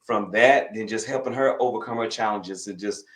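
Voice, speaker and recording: Speaking at a normal pace in a lowish, fairly bright voice, this Louisiana doctor in his fifties chats as an interview guest with a Southern accent. He's folksy and wandering, circling back to the same points again and again, captured roughly in an echoey room.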